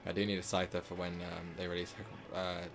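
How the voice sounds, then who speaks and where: With music in the background, a deep-voiced man comments briskly and in a monotone on his live gameplay stream. His throat sounds slightly sore and hoarse, and his rambling is full of filler words and corrections.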